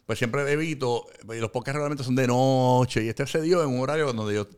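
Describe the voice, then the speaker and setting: A middle-aged man, a radio host who is the guest in a casual interview. His voice is mid-pitched and ordinary. He tells stories in a rambling, animated way, full of fillers. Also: normal speed, smooth. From Puerto Rico.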